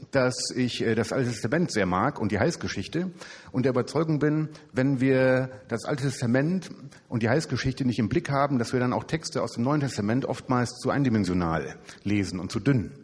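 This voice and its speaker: A man's voice: lowish voice, darkish tone, slightly rough. A man preaching as a youth evangelist, talking casually and chattily to the congregation through a handheld microphone. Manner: chatty, informal, self-deprecating humor. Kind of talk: casual sermon with jokes. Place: church service hall. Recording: hall reverb from a church room.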